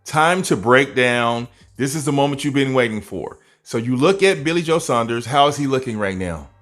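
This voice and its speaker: A man commentating over a boxing video in an animated way, full of rhetorical questions and chuckling asides. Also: mid-range voice, moderate pace.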